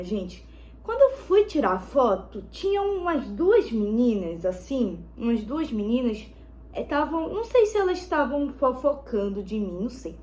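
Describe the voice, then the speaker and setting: Girl talking into her phone doing makeup, pretty high voice, keeps repeating stuff and calling out to viewers. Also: darkish tone. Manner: rambling, repeats herself, keeps addressing viewers as "gente". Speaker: vlogger. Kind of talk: casual storytelling while doing makeup.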